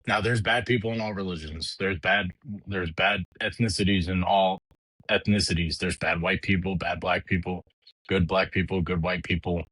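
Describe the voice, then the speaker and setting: Blunt, profane man with a very low voice. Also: steady tone, moderate pace, a bit bright, slightly rough, no room sound, rough recording. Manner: blunt, profane, heated, restarts a lot. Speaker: podcast host. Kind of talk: casual political rant.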